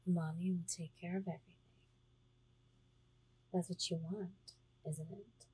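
Breathy low-voiced woman in hushed roleplay. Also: level tone, a little slow, low-quality recording. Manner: teasing, slips between soft talk and whispers. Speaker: audio roleplay performer. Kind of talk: intimate ASMR roleplay.

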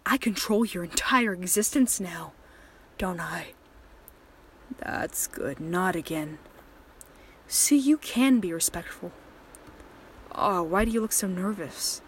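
A woman's voice: medium pitch, husky. A woman voicing a volatile, possessive male killer in an audio drama, speaking in a controlling, threatening manner. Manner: menacing and controlling, soft-spoken then raging. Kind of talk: erotic horror audio drama.

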